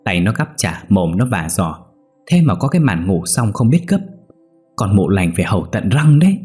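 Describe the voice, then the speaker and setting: A man voicing a sharp-tongued old village mother-in-law, scolding in a shrill, shrieking voice. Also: sing-song, moderate pace, soft background music. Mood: scornful scolding.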